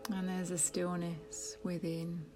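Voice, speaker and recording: A woman leading a guided meditation, speaking softly in a half-whisper with long pauses. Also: fairly low pitch, little pitch movement. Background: soft music.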